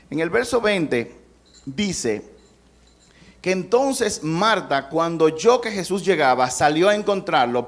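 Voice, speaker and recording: A middle-aged male pastor preaching a sermon in a conversational way, acting out quotes and adding humor. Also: fairly high pitch.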